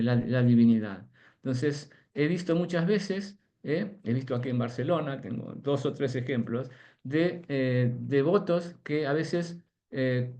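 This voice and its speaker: A man giving an informal devotional class, speaking conversationally with frequent hesitations and anecdotes. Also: a little high. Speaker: spiritual teacher.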